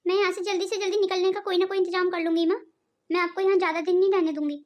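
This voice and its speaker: A woman's voice: very high-pitched, level tone, rapid-fire, a little mellow. A woman voicing a loyal young daughter-in-law in a cartoon family drama, speaking in a pleading, emotional way. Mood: soothing. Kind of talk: cartoon voice acting.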